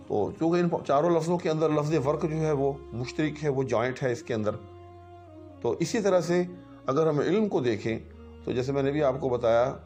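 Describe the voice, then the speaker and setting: A man teaching Arabic grammar in a patient lecture, who often checks in with "right" and recites word forms slowly one after another. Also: fairly high pitch, mellow. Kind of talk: explanatory lecture.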